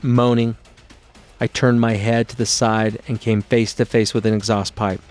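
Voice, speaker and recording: A man narrating his own memoir as an audiobook in a steady, low-key storytelling delivery. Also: normal speed, music in the background.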